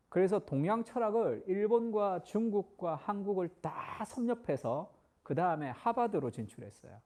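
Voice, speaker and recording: A man preaching a sermon as pastor, telling stories and acting out the quoted lines with shifting loudness. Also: fairly high pitch, creaky.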